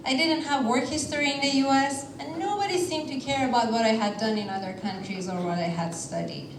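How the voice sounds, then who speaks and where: A woman from Iran telling a personal story on a theater stage in a measured way, with deliberate pauses. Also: high-pitched, background noise. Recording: roomy theater sound from a distance.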